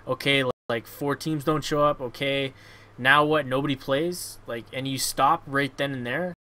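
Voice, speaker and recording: A man's voice: medium pitch, pushed and bright. A man hosting a casual gaming podcast, blunt and sweary, often repeating words as he goes. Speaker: show host.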